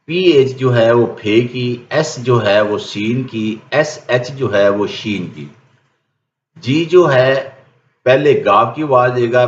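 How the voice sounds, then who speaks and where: A man, a native Urdu speaker, explaining an English lesson plainly and methodically, one step after another. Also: on the low side. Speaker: English teacher. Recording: echoey room, dull lo-fi sound.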